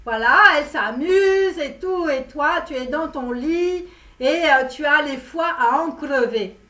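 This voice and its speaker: A woman's voice: high voice, expressive, measured pace, fairly bright tone, far from the mic. A woman voicing a brash Romanian-American guru coach with a put-on Romanian accent, who talks in a rambling, theatrical way during a comic tarot reading. She is recorded in a roomy space away from the mic. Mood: over-the-top. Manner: rambling, theatrical, self-promoting. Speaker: tarot reader and love coach.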